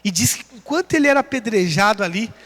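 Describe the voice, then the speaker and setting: A high-pitched man with a Brazilian Portuguese accent preaches a sermon, his voice climbing with emphasis as he sets up each contrast. He reads scripture references between his points. His voice rings out with the long reverb of a large church hall. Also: expressive, quick pace, a bit bright. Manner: rising emphatic call-and-response preaching, reading scripture references. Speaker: pastor.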